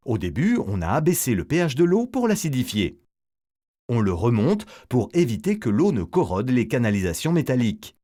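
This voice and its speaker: In an explainer film, a male narrator reads a scripted educational narration with a warm, mid-range voice, laying things out step by step in a didactic way.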